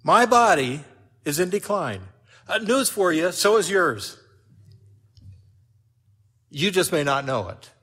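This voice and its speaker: An older man preaching a sermon, telling a personal story with lively swings in loudness. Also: high-pitched, slow, long pauses, breathy edge.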